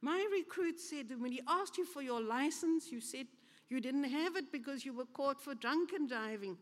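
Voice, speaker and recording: A woman preacher voicing an irritated male police supervisor, brisk and impatient, in an echoey hall. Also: high-pitched, lively intonation.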